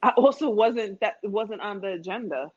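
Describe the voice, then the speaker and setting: A woman speaking on a podcast keeps a moderate pace and a medium pitch during a casual travel conversation with a friend. Repeated phrases are her way of adding emphasis, and the audio comes across dull and lo-fi.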